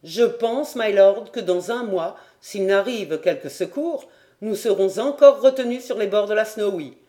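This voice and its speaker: A reader voicing a firm, steady quartermaster. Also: mid-range voice, measured pace, close to an everyday voice. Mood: calm, assured. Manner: firm and assured. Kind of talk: audiobook character voice.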